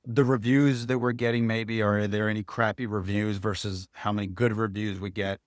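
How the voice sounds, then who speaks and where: A man talking candidly as a guest in a podcast interview, relaxed, with frequent restarts. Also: on the low side, moderate pace, no echo, clean studio sound. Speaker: guest insurance agent.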